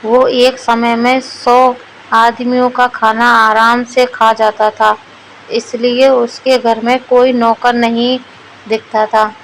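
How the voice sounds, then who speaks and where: A woman narrating a comic storybook tale in a plain, unhurried reading. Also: on the high side, level tone, slight background noise, low-quality recording.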